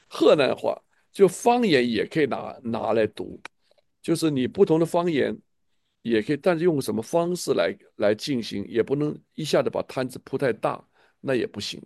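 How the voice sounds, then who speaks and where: A man's voice: medium pitch, gravelly, a little mellow, no room sound, studio quality. A man leading a casual church chat, speaking with enthusiasm and a preachy manner, often repeating himself. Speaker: church leader.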